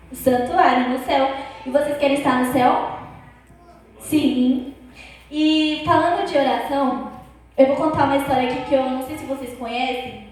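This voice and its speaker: High-voiced Brazilian girl preaching, echoey. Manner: lively storytelling, addresses audience with questions. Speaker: young preacher. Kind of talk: sermon with personal testimony. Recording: very echoey room.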